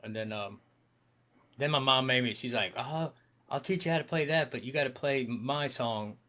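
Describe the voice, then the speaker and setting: A man in his forties in a casual chat, joking, swearing and breaking into loud bursts. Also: mid-range voice, normal speed, crowd noise. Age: 40s.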